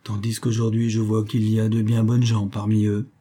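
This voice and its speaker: A man's voice: lowish voice, completely flat delivery, normal speed, dark tone, natural voice. A man playing a jaunty, chatty Parisian castaway who jokes in colloquial speech, in an audiobook.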